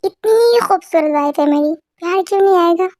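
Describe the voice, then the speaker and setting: A woman's voice: very high-pitched, normal speed, darkish tone, no room sound, studio quality. A woman voicing a loving elderly grandfather who speaks tenderly to his wife in a dubbed fan story. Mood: doting. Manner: tender, doting.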